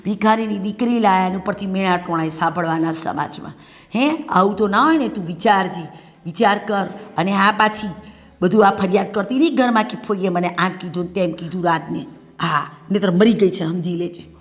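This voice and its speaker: Scornful family aunt berating a bride , played by a woman, mid pitch, echoey. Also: fairly quick, close to an everyday voice. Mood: threatening. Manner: sneering, scolding, threatening. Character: scornful middle-aged aunt taunting a poor bride. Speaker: paternal aunt of the groom. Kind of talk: family drama acting.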